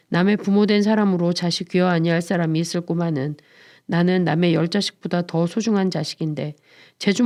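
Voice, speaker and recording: A woman voicing a dignified, gruff old man in his seventies who is grieving, in a dramatized book reading. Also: on the low side, dark tone, close to an everyday voice. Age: older. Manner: curt, gruff, lamenting.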